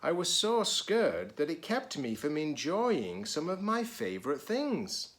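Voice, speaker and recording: A man voicing a wistful, anxious storybook egg who recounts his fall in an earnest, deliberate way. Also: fairly high pitch, wildly swooping pitch, a bit bright, pitched above the performer's own voice, full character voice. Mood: rueful, anxious.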